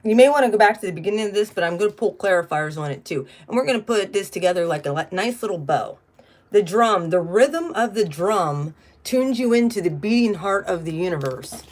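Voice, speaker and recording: A middle-aged woman talks through a spiritual card reading in a loose, chatty way. Her voice sits at an ordinary middle pitch, and she turns blunt and salty whenever she gets fired up. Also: expressive, brisk, darkish tone. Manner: chatty, blunt, swears when riled. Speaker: tarot card reader.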